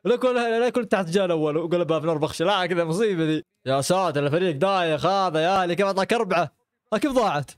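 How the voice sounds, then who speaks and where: A man's voice: high-pitched, racing, no room sound, clean studio sound. A young man from Arabia, reacting to football clips with frequent exclamations and laughter. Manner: excitable, exclaims and laughs often. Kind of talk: live reaction commentary.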